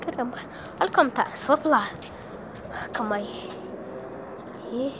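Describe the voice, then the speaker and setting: A woman's voice: on the high side, a little slow, heavy background noise. A woman with a Brazilian accent vlogging casually at home, dramatic and exclaiming, repeating words for effect. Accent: Brazilian Portuguese. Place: at home, moving between rooms and garage.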